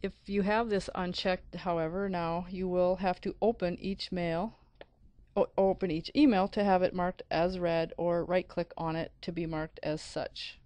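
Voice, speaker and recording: A woman narrating a screencast software tutorial as an IT support instructor, explaining methodically step by step. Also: fairly low pitch, fairly even intonation, measured pace, dry recording. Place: close, dry voice-over for a screen recording.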